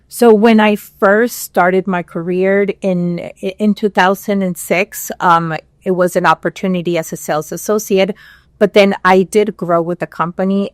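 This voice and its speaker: Peru-born woman podcast guest, mid pitch, unhurried, dry close mic. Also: no echo. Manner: measured, with frequent pauses and fillers. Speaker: podcast guest, regional director. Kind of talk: interview conversation.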